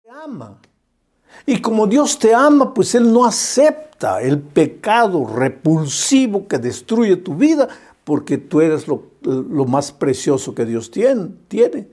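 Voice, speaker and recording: A male pastor delivers an impassioned sermon and hammers his points home through repetition. His voice sits high for a man, yet it sounds warm and mellow. He speaks straight to the listener with affection. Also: very animated, takes it slowly. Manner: impassioned, repetitive preaching cadence; addresses listener directly and fondly. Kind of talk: evangelistic sermon.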